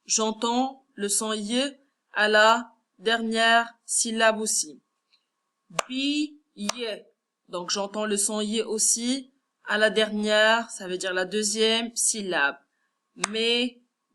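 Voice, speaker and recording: A woman's voice: medium pitch, steady tone, takes it slowly, pushed and bright, a little hiss or hum. A woman with a Moroccan French accent, teaching a first-grade class, patiently sounding out words syllable by syllable. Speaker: primary school teacher. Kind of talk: classroom lesson correction.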